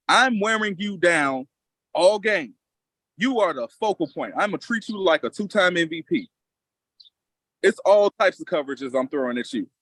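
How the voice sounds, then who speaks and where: A man's voice: high voice, fairly bright tone, breathy edge, dry recording, low-quality recording. Confident, emphatic man breaking down basketball. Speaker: podcast co-host with coaching experience. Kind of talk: casual basketball analysis.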